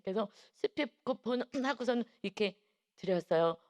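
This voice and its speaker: A middle-aged woman preaching at a dawn service in a conversational way. She tells personal stories, acts out other people's words, and often clears her throat. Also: on the high side, lively intonation, moderate pace, darkish tone. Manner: chatty storytelling, acts out quoted voices, frequent throat clearing. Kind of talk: conversational sermon with personal anecdotes.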